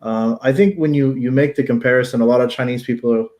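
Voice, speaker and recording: Mid-pitched man hosting a casual live discussion. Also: fast, darkish tone. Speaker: live show host.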